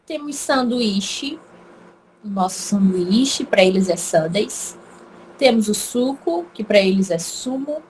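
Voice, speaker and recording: A woman's voice: medium pitch, animated, takes it slowly, darkish tone, slight background noise, poor audio. A Brazilian woman with an Acre accent teaching an informal online language lesson, chatty and emphatic, repeating words aloud to show how they are said. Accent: Brazilian Portuguese, Acre.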